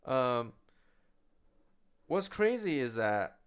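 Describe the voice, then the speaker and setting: A man with a clean, mid-range, sing-song voice draws out his words while casually showing off walkie-talkies. This chatty product demonstrator asks rhetorical questions and supplies the answers, with small laughs and restarts, captured in slightly dull lo-fi sound.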